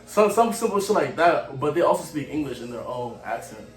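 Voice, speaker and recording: A man's voice: fairly high pitch, big pitch swings, a little fast. A man in his twenties from Cameroon, raised in Maryland, talking as a guest singer in a casual, slangy way. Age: 20s. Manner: laid-back, slangy, often trails off softly. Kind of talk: casual interview chat. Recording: roomy echo, faint music.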